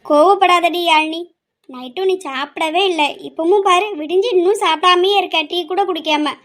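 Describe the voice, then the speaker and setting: Woman voicing a fretful middle-aged mom, slow, pleading, high and bright. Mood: worried. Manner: slow, pleading, scolding at times. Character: worried middle-aged mother, pleading and weary. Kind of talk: amateur family drama.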